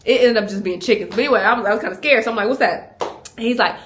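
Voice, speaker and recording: A young woman vlogging a casual travel storytime, animated and laughing as she acts out what people said to her. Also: fairly high pitch, racing, a little hiss or hum.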